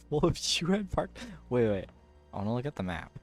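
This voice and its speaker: Lively, exclamatory man bantering over a game. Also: mid-range voice, normal speed, soft background music. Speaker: gamer playing co-op. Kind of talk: casual gameplay banter.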